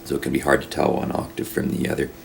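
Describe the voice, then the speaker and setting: Very deep gravelly man. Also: fast, a little hiss or hum. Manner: calm, explanatory, breaks into sung notes. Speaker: singer demonstrating vocal range. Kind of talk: vocal demonstration.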